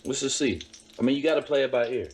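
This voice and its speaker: A man's voice: medium pitch, fast talker, noisy background. A man casually showing how he cooks a steak in his home kitchen, emphatic and repeating his points. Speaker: home cook vlogger. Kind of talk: casual cooking demonstration. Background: sizzling pan on a stove.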